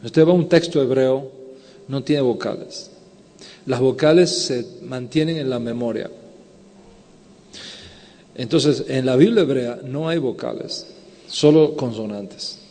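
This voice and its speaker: A man's voice: mid-range voice, slow, pauses often, dark tone. A man, a rabbi, giving a conference lecture and answering questions, explaining step by step and often checking in with "ok?". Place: lecture hall. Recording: long hall reverb.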